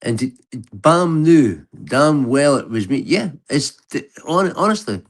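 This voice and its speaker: A man's voice: on the high side, very animated, measured pace. Blunt Scottish man with Glasgow street speech. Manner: blunt, sweary. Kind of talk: heated argument on a live stream.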